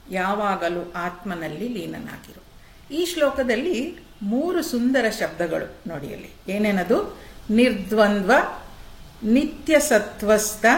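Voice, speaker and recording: A woman teaching scripture to beginners. She asks and answers her own questions, and chants each verse slowly before she explains it. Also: mid-range voice. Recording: roomy echo.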